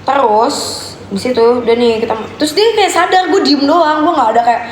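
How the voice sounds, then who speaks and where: A woman's voice: high voice, normal speed. A young woman, telling a personal story on a casual live stream and acting out the dialogue. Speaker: guest storyteller. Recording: echoey room with faint background noise.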